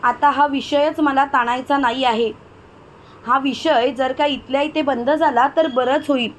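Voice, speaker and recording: Proud, insistent young woman, as a woman narrator puts her on; high-pitched, plain delivery. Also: fairly even intonation, unhurried, slight background noise. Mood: defiant.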